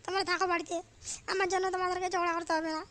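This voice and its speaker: A woman's voice: extremely high pitch, flat delivery, very fast, bright, forceful tone, slight background noise. A woman voicing a poor, timid young bride in a comic cartoon, pleading and apologetic.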